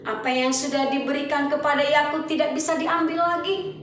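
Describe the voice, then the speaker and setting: A woman with a high voice tells a Bible story to children, lively and full of questions for her young listeners. She sounds distant, in a very echoey church hall. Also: moderate pace, slight background noise. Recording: echoey hall, mic far off.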